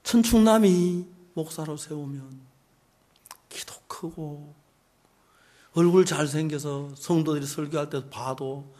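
A middle-aged male pastor with a notably high voice for a man. His sermon lurches between forceful, drawn-out emphasis and sudden hushed near-whispers. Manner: dramatic swings from emphatic loud phrases to hushed near-whispers; stretches out key words slowly for emphasis.

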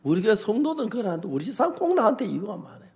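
An older man, a pastor, preaching with humor and telling animated stories, acting out his own shouts and both sides of a quarrel. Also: high-pitched, very fast. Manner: animated storytelling, acts out shouts. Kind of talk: humorous sermon.

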